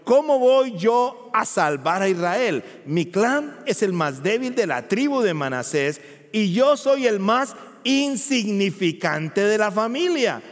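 A male pastor preaching emphatically, asking rhetorical questions and rising to loud peaks. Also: high-pitched, very animated, slow. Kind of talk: sermon. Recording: long hall reverb.

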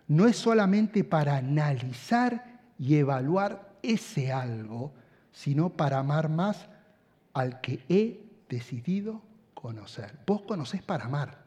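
A middle-aged man with an Argentine accent preaching a sermon, an animated storyteller who swings from hushed tones to shouting. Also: on the high side. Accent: Argentine Spanish. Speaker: pastor. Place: large hall with audience. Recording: long hall reverb.

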